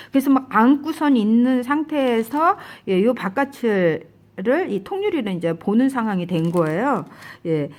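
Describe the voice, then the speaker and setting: A woman casually recounting a dream as a testimony, describing it with lively gestures and frequent exclamations. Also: on the high side.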